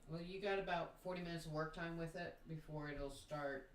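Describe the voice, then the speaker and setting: A man's voice: on the high side, a little fast. A man helping out on a crafting stream, chatting casually with brief helpful remarks. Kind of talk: casual chat. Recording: echoey room with steady noise.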